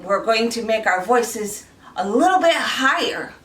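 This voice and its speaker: A woman teaching a children's singing lesson in a slow, encouraging, sing-song way. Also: a little high, expressive, fairly bright tone. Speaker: preschool teacher. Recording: roomy, distant mic, faint noise.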